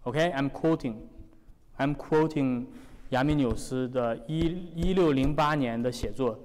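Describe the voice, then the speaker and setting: A man preaching a sermon, animated and full of rhetorical questions. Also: medium pitch, slow, in a large hall.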